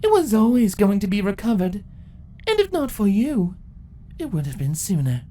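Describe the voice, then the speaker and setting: A woman voicing an ancient changeling empress in a fantasy story, a calm, condescending and menacing villain who speaks deliberately. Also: medium pitch, pitched above the performer's own voice. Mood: cold, superior.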